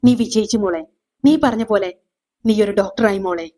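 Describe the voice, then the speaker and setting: A woman voicing an older father who pleads loudly for his daughter. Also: medium pitch, normal speed, close to an everyday voice. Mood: proud. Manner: pleading, raised voice. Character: grieving proud father, older man.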